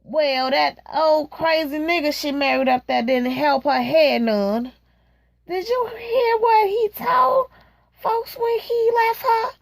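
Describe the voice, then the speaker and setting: A woman's voice: high voice, takes it slowly, gravelly, no echo, pitched above the performer's own voice, full character voice. A woman reading aloud, voicing a nosy neighbor woman who gossips eagerly with a friend. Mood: gossiping.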